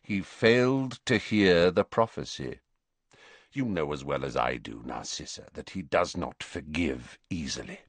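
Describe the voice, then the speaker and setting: A man voicing a cold, guarded professor who speaks flatly and slowly in an audiobook reading. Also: low-pitched, dry recording, exaggerated voice. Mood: measured. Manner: flat, slow, measured, icy.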